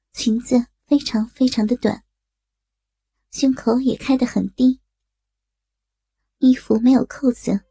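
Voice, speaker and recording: A woman reads an erotic audio story aloud in a steady, even storytelling manner. Her voice is high yet mellow and a little breathy. The sound is close and dry, with no room around it. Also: no echo. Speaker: narrator.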